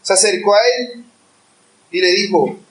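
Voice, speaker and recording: A man's voice: sits high, a little slow. A man preaching a sermon in a church, earnest and at times rising to impassioned pleading. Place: church hall. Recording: echoey room, voice far from mic.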